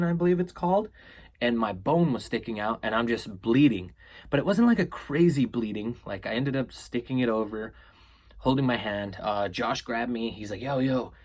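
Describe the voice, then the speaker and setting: A man in his thirties candidly telling a personal story in a vlog, swearing freely and talking animatedly. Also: medium pitch. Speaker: vlogger. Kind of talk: casual storytelling.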